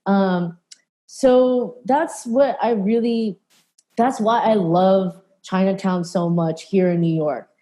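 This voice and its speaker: A woman's voice: medium pitch, fairly even intonation, takes it slowly, dark tone. A woman from California speaking earnestly in a panel talk, with many fillers and restarts. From California, USA. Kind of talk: conversational panel discussion.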